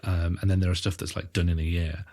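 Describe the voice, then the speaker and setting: A man's voice: deep voice, little pitch movement, fast talker, creaky, mellow. A man, co-hosting an improvised comedy podcast and thinking aloud with hesitant restarts. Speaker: podcast co-host playing prime minister.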